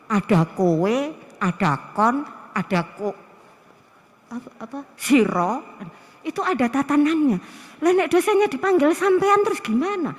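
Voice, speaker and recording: Woman, middle-aged, Javanese accent, university lecturer, lively lecture, rhetorical questions, long hall reverb. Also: high-pitched. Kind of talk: classroom lecture.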